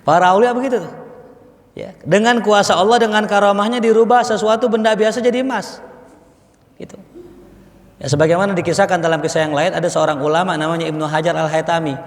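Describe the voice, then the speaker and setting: A man's voice: sits high, steady tone, quick pace, reverberant, big-room sound. A man preaching in a mosque, talking in a conversational way, asking his listeners questions and telling stories. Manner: conversational, asks the audience questions, storytelling. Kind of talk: mosque study sermon.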